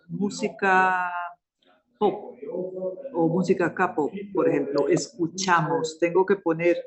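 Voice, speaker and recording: A man in a language class asks a question slowly, pausing to find his words. His voice sits quite high for a man. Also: a little mellow, low-quality recording. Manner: hesitant, searching for words. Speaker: student.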